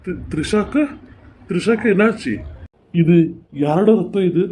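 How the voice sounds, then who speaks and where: Performer doing an anxious young husband, mid-pitched, soft and coaxing, amateur serial story. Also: measured pace, a little hiss or hum, close to an everyday voice. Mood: panicked. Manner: coaxing, then alarmed and pleading. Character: anxious young husband, caring toward his pregnant wife.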